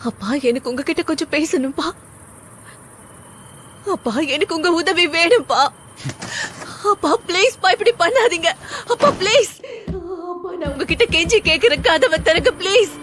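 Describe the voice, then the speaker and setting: A woman's voice: very high-pitched, expressive, moderate pace, a bit bright, a little hiss or hum. A woman playing a desperate young mother in a dubbed film, pleading and emotional, with film music underneath. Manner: pleading, emotional, repeats herself. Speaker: mother of a sick daughter. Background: film score music.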